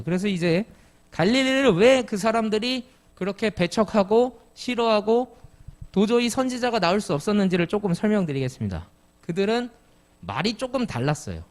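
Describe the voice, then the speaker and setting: A middle-aged man from Jeju preaching an expository sermon, explaining step by step and putting questions to the congregation. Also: sits high. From Jeju, Korea. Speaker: pastor. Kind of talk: expository sermon at a midweek service.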